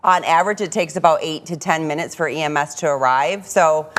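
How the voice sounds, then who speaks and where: A woman's voice: sits low, fairly quick. A woman with an American accent speaking as a guest educator, explaining and demonstrating on live television.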